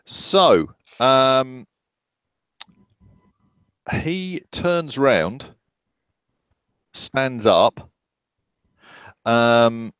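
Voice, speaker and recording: A man narrating a tabletop horror game at an unhurried pace, stopping often to gather his thoughts with ums and half-finished words. His voice sits at an ordinary pitch and sounds dry and close, with no room around it. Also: fairly bright tone, smooth, dry recording. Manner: halting, full of ums and restarts. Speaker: game master.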